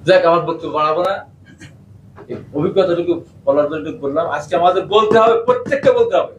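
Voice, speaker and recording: A man's voice: on the high side, fast, muffled recording, slight background noise. A man with a Bangladeshi accent giving an impassioned political rally speech into a public address microphone, leading the crowd in chants. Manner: impassioned, rising to shouted chants. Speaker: political speaker at a protest rally. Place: outdoor or hall rally. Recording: echoey, distant PA sound with faint ambience.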